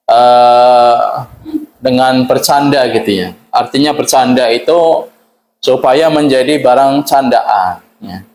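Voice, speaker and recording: A man's voice: medium pitch, a little mellow, slight background noise. Man lecturing in an echoey room. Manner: explains patiently, with frequent tag "ya" and Arabic phrases. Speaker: ustadz teaching a religious text. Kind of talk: Islamic study lecture.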